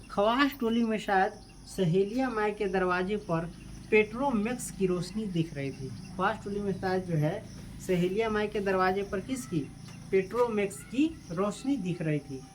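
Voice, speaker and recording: A woman with an ordinary mid-range pitch explains a school text to her class, reading it line by line. She repeats each line and then quizzes the students, mixing local dialect into her speech. A faint hiss sits beneath her voice.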